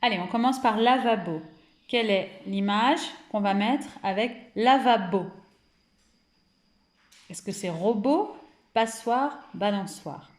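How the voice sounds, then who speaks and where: Slow, deliberate French teacher in an echoey room. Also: female voice, medium pitch. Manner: slow, deliberate, stretches out words and syllables; encouraging, praises often. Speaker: kindergarten teacher. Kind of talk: remote phonics lesson for young children.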